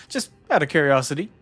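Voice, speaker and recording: A man's voice: a little high, fairly bright tone, slightly rough. A young man with a New Zealand accent chatting casually with stream viewers, easygoing, chuckling often and repeating words. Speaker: game streamer.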